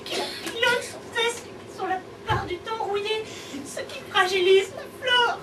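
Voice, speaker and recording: A woman's voice: very high voice, measured pace. A woman playing a gushing, coy teleshopping co-host in a parody infomercial, with theatrical, mock-formal delivery. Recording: noisy roomy far-off recording, loud laughing crowd. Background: loud audience noise and laughter.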